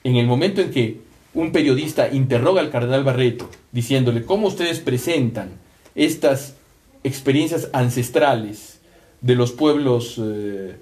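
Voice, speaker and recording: A man's voice: mid-range voice, moderate pace, a little mellow. A man co-hosting a talk show, explaining his points emphatically and finishing his partner's sentences. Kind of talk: conversational commentary.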